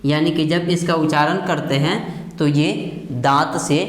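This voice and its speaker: A male teacher with a Bihar Hindi accent talks through a grammar lesson at a slow pace. He repeats key points, asks questions and answers them himself. His fairly high voice rings in a room with a long reverb. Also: steady tone.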